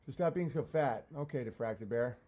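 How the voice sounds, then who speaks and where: A man on a casual livestream, rambling and halting as he answers comments with profane, self-deprecating talk. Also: mid-range voice, mellow. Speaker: live streamer.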